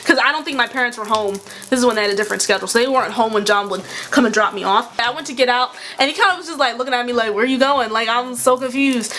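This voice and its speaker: A young woman chatting casually, telling a storytime tale with quick asides and frequent laughs. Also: fairly high pitch, pushed and bright, a little hiss or hum. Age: young adult. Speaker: YouTuber.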